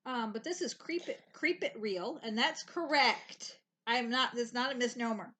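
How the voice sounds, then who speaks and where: A woman co-hosting a casual stitching chat, wry and quick to laugh. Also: a little high, bright, forceful tone. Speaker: co-host.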